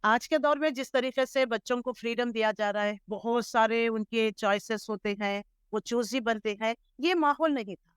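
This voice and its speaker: Middle-aged woman from Hyderabad, interview guest, earnest measured storyteller, smooth clear voice, dry close sound. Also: a little high, no room sound. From Hyderabad, India. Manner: measured, earnest storytelling with English words mixed in. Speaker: interview guest, Islamic scholar. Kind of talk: reflective life-story interview.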